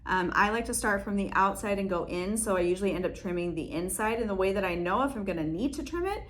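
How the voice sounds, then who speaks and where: A woman's voice: mid-range voice, animated, fast talker. Young woman vlogging a lash how-to, chatty, giggly, lots of likes and ums. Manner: chatty, laughs often, many fillers. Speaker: beauty vlogger. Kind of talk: casual tutorial chat. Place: room in her salon.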